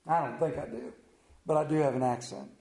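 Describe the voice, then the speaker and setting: Preaching with a Central Maryland accent, this man from Central Maryland, United States, weaves stories and personal asides into a folksy sermon. His medium-pitched voice is steady, warm and creaky, he speaks fairly quickly, and the sound is reverberant.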